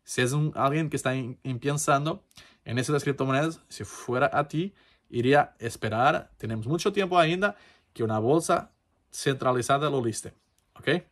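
Speaking at normal speed in a mid-range voice, a male crypto channel host gives a casual tutorial to camera. He's a native Portuguese speaker talking in Portuguese-accented Spanish, hesitant and informal, with plenty of fillers and restarts.

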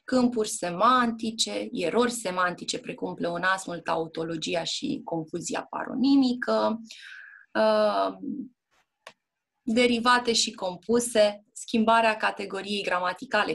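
Breathy-voiced woman teacher. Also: medium pitch, fairly bright tone. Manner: explanatory, frequent "da?" check-ins and hesitations. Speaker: Romanian language and literature teacher. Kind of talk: one-on-one exam prep lesson. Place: indoor classroom or tutoring room.

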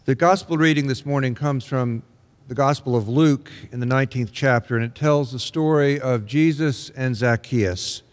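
An older man, an interim pastor, preaching a sermon from the pulpit in a large church sanctuary, measured and earnest with emphatic rises. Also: medium pitch. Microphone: pulpit microphone. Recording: long reverb of a large sanctuary.

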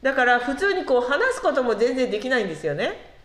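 Lively woman preaching in an echoey hall. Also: sits high. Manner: conversational, asks the listeners questions, slows down to stress words. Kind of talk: sermon to a congregation.

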